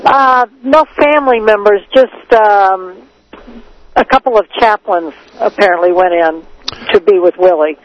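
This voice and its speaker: A woman's voice: medium pitch, a little slow, dull audio, a little hiss or hum. A woman reporting live from outdoors over a phone-in, plain-spoken and blunt with some fillers. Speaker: field reporter. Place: outdoors outside a prison.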